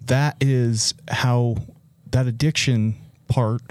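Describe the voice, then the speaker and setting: A man's voice: mid-range voice, steady tone, takes it slowly, darkish tone, no echo, studio quality. A man co-hosting a counseling podcast, thinking aloud and restating ideas with lots of fillers. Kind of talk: conversational podcast interview.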